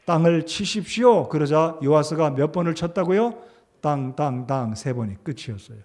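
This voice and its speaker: A pastor with a slightly high voice delivers an evening sermon into a microphone in a church sanctuary. He reads scripture in a steady cadence and jumps up sharply in pitch and force on the quoted commands. Between readings he turns to the congregation with questions and leads them in saying a verse together. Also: normal speed. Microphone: handheld or stand mic.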